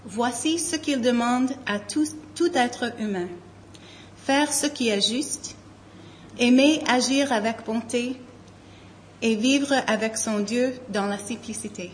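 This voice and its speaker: A woman's voice: a little high, measured pace, rough recording. A woman with a Quebec accent reading scripture aloud as a Bible reader. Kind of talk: scripture reading and short personal remark. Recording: faint room noise.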